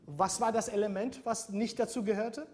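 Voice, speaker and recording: A man's voice: high voice, fairly even intonation, normal speed, darkish tone. A man teaching a university seminar, explaining step by step and often checking in with the class. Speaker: university lecturer. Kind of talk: seminar lecture.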